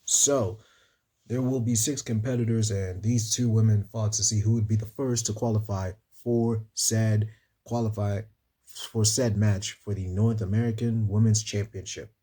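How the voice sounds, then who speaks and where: Husky, chatty wrestling recap guy. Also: on the low side, fairly even intonation, normal speed, dark tone. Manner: chatty, playful, talks to viewers as "y'all". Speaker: wrestling show reviewer. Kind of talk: casual solo recap.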